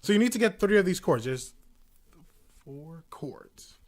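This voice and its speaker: A man's voice: sits high, big pitch swings, a little slow, a crowd in the background. A young man casually chatting as a podcast co-host, rambling with lots of fillers and breaking into silly voices. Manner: rambling, filler-heavy, acts out game characters in silly voices. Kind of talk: casual chat.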